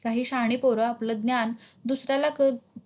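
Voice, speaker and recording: A woman narrates a village story with lively, expressive delivery. Her voice sits a little higher than most. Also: normal speed.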